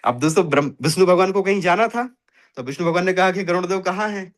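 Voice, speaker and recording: Brief: high-pitched male motivational speaker on a video call, emphatic storyteller who keeps hammering a catchphrase. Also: fast talker. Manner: emphatic, repeats catchphrases, addresses audience as friends. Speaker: motivational speaker in an online finance meeting. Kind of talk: motivational talk with a fable.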